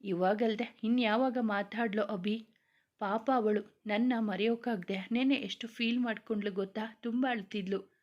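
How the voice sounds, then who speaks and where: A woman reading the lines of a gentle, caring young husband in a storybook tale. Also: medium pitch, steady tone, normal speed, lo-fi sound, close to an everyday voice.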